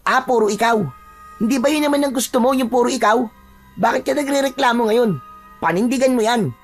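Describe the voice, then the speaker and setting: A man's voice: high voice, brisk, faint music behind, voice pushed up. A man voicing a young chieftain's son who speaks in a reproachful, wounded way, in a storybook tale. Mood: resentful.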